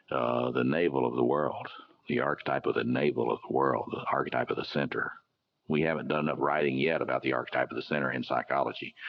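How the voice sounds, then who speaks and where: Very deep-voiced man lecturing on dull tape. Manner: many filler "uh"s and restarts, discursive. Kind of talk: academic lecture.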